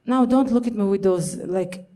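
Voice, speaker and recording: A woman's voice: medium pitch, moderate pace, warm tone. A middle-aged woman performing a stand-up comedy set on a club stage, brash and crude, acting out quotes.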